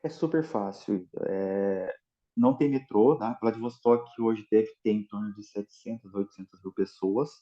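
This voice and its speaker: A man's voice: lowish voice, normal speed, mellow, highs cut off. A Brazilian man with a Brazilian Portuguese accent, a guest in a casual interview, explaining at length with many restarts and fillers.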